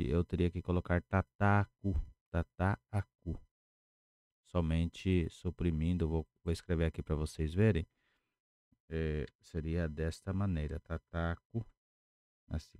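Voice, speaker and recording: Deep-voiced guy teaching vocab, slow repeats, super dry sound, no room echo. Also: darkish tone. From Paraguay. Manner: patient, repeats words slowly. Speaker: language teacher. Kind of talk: lesson explaining words at a whiteboard.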